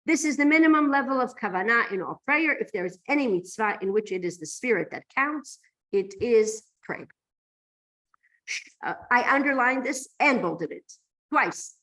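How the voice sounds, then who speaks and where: A woman teaches a religious class, explaining texts emphatically in a slightly high, somewhat bright voice. She often poses rhetorical questions to her listeners and checks in with "right?"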